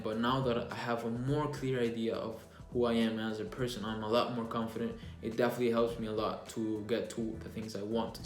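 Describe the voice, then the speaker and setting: Young man, earnest casual book review, echoey room, faint music under. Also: mid-range voice. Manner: earnest, plainspoken, with frequent restarts and self-reflection.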